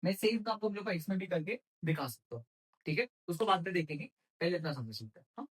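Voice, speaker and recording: A man's voice: high voice, animated, fast talker, husky, low-quality recording. Male teacher quizzing his class. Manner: poses questions to students and answers them himself; mixes Hindi with English terms. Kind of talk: exam-prep physics lecture.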